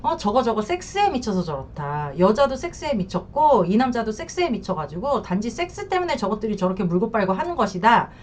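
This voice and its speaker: Blunt, lively female counselor. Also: fairly high pitch, fairly quick, few pauses, slight background noise. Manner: frank, blunt, acts out quotes. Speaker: marriage and affair counselor. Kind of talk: advice talk to camera.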